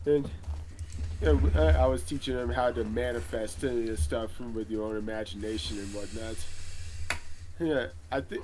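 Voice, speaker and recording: A man's voice: medium pitch, noisy background, close to an everyday voice. A man playing a rambling veteran magic hero. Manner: rambling, hesitant, full of filler words. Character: boastful veteran male magic hero, middle-aged. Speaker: interview guest. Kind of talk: improvised role-play podcast interview.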